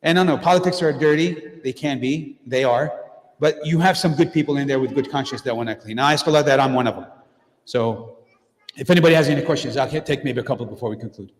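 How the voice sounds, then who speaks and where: A man's voice: mid-range voice, fast talker. A middle-aged man giving a direct, plainspoken talk as a guest speaker at a mosque, with frequent fillers and restarts. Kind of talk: informal community talk with Q&A. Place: mosque hall. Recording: echoey hall with long reverb.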